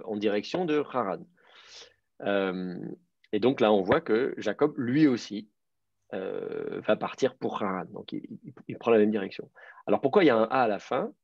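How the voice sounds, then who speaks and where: A man with a low, husky, gravelly voice teaches a class, stopping often to restart his sentences. The sound is dry and dull, like a computer mic on a video call. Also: no echo. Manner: hesitant, many fillers and restarts, explanatory. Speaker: teacher of biblical Hebrew. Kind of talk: online class lecture.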